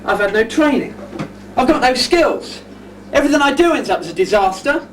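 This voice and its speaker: A man's voice: very high-pitched, animated, fairly quick. A man playing cheeky, lazy Idle Jack. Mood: chummy. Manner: cheeky, chatty, joking with the audience. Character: lazy cheeky young male shop assistant. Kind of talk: amateur village pantomime. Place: pub skittle alley stage with audience. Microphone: far audience camera. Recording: distant noisy live stage recording.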